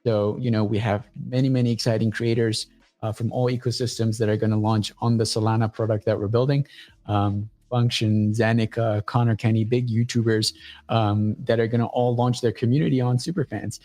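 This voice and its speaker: Blunt, profane man pitching his startup. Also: flat delivery, fairly quick, mellow, soft background music. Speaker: guest, startup founder. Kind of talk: casual livestream talk.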